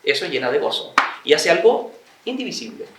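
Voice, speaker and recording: A high-voiced man lectures an audience and slips into little acted-out dialogues. He sounds set back from the mic, and his voice rings around an echoey room. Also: brisk, distant mic, background noise. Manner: acts out little dialogues, animated and chatty. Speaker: speaker giving a talk on marriage.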